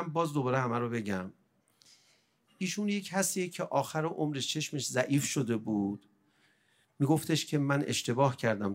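A man giving a religious sermon, swinging from quiet, measured explanation to emotional, pleading outbursts. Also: mid-range voice. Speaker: preacher.

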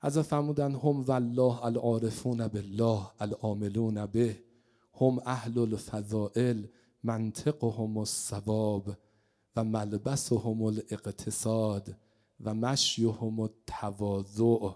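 Preacher, storytelling sermon, slow Arabic recitation, swings loud to hushed. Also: male voice, on the low side, flat delivery. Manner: recites Arabic slowly, then explains in Persian; dramatic swings between loud and hushed delivery. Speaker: religious speaker.

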